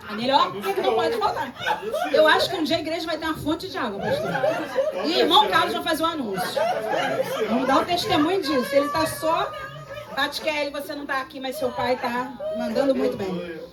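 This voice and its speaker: A woman pastor with a Brazilian Portuguese accent, preaching a lively, emphatic sermon full of personal stories. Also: high-pitched, a little fast, over a noisy crowd. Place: church service. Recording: distant mic with faint room ambience.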